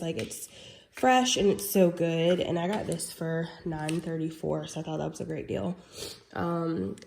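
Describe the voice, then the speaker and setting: In a darkish, low-leaning voice with a slight hiss or hum on the recording, the young woman rambles through her casual vlog, saying "um" and "like" often. A cold leaves her sounding congested and nasal.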